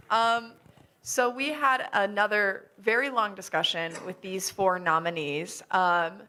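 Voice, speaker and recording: A woman's voice: medium pitch, sharp tone. A young woman in a student senate meeting, chatting in a friendly way as she introduces nominees and asks them questions. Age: young adult. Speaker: senate speaker presenting nominees. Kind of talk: formal meeting remarks.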